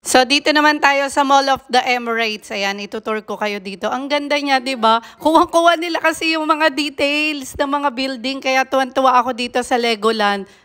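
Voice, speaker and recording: A woman with a high voice films herself touring an indoor theme park and exclaims excitedly to her viewers. She speaks in a casual vlog style into a handheld phone. Faint music plays in the background. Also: normal speed, dry recording. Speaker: vlogger. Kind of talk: casual travel vlog narration.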